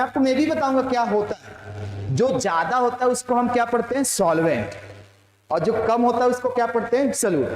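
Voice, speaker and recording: Man, Indian accent, chemistry teacher, high voice, slow dictation, rhetorical questions, booming room echo. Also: a little mellow. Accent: Indian, Maharashtra. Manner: addresses students as "beta", asks and answers his own questions; slow dictation of English phrases mixed with quick Hindi explanation. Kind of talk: classroom lecture, dictating notes. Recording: very echoey classroom.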